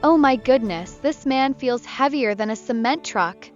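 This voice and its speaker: A woman's voice: high-pitched, animated, measured pace. A woman voicing a chatty heartbroken young woman. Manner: bright, chatty, bitter. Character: talkative young woman camper, heartbroken, tipsy. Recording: muffled with soft music behind.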